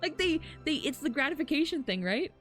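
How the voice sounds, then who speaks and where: A high-voiced woman speaks briskly as she livestreams games and chats casually with her viewers. Animated throughout, she swears now and then and chuckles while talking, with game music and character lines faint in the background.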